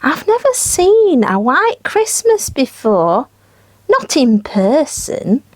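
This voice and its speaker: High-voiced woman co-hosting a puppet show. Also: big pitch swings, slow pace, dry recording. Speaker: children's show co-presenter. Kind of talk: scripted children's show storytelling.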